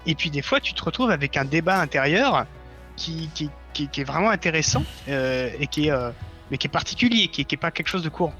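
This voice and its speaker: With soft music in the background, the fiction-writer guest speaks fairly quickly and animatedly in a slightly high, sharp voice. He's on a live online stream in a relaxed, thoughtful chat, explaining sincerely and rephrasing as he talks, all over a dull lo-fi voice connection.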